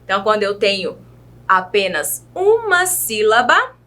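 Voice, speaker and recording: A woman teacher with a Brazilian Portuguese accent, giving a patient children's video lesson and sounding out words slowly, syllable by syllable. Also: medium pitch, big pitch swings, bright, forceful tone. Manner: slow, careful syllable-by-syllable enunciation; patient, addresses young pupils directly.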